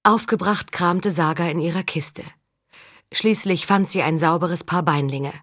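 A woman reading a historical novel aloud in calm, even storytelling. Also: on the low side, measured pace, dry recording, clean studio sound. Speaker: audiobook reader. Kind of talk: scripted narration.

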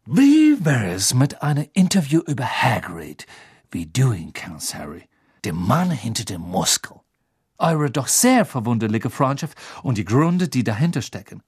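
A man's voice: mid-range voice, very animated, a little slow, a little mellow, slightly rough, dry recording, clean studio sound, heavily acted. A man voicing a gushing, spiteful woman reporter in an audiobook, smug and falsely sweet. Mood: probing.

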